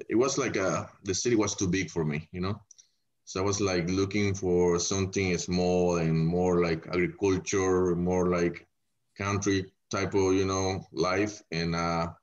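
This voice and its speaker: Deep-voiced man from El Salvador. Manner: relaxed, rambling, many fillers. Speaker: winemaker guest. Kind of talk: casual podcast interview. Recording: dull lo-fi audio.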